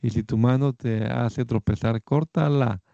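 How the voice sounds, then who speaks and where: A man reading Bible passages aloud in a measured, steady way, lifting his voice slightly for quoted speech. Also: medium pitch, creaky, dry recording, muffled recording. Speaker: Bible reader.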